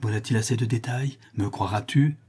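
A man voicing a cruel, scheming male notary who confesses his crimes and then grows frantic, with a dark husky voice. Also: mid-range voice, normal speed, lightly acted. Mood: confessing coldly. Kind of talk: audiobook character reading.

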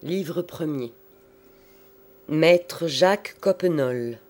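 A man narrating a classic novel, reading in a measured, expressive way with careful pauses. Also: a little high. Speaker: audiobook narrator.

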